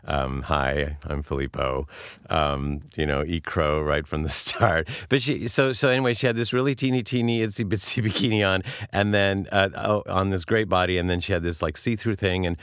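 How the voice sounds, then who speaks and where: A low-voiced male talk show host tells a story in a loose, rambling way, tripping over his words and poking fun at himself. The studio sound is dry and close, with no room echo. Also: brisk, few pauses, fairly bright tone, clean tone. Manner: rambling, self-deprecating, stumbles over words. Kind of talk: casual storytelling monologue.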